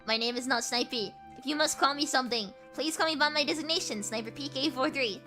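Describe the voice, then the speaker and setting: A woman reading a story aloud and voicing a stiff, formal male sniper turret in a flat robot voice. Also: sits high, quick pace, soft background music. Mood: flat mechanical.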